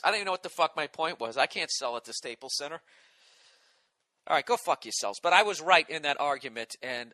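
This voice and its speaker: A man's voice: fairly high pitch, bright, forceful tone. A man in his forties with a Boston accent, ranting and swearing on his solo podcast, exasperated. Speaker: podcast host.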